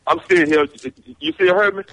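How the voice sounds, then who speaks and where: A man's voice: sits high, steady tone, moderate pace, fairly bright tone. Man on a breaking-up phone call. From Richmond, Virginia. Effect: breaking-up, glitchy phone-call audio. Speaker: caller.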